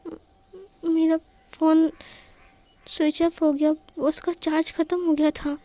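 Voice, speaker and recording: महिला की आवाज़ में रोता, हकलाता जवान लड़का. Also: female voice, high voice, level tone, normal speed, dark tone, no room sound, lightly acted. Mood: tearful. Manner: stammering, whispery sobbing. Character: tearful young man, heartbroken and clingy.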